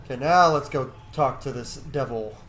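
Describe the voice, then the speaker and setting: A sick gaming streamer gives casual let's-play commentary as he plays a video game. His voice is medium in pitch and a bit bright, at a normal speed. The recording sounds roomy, with faint music behind him.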